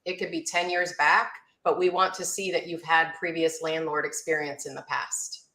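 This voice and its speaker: Low-voiced woman explaining loans. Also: little pitch movement, moderate pace, bright, forceful tone. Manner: matter-of-fact, explanatory. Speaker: mortgage loan officer. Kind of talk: explaining as an interview guest. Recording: roomy echo.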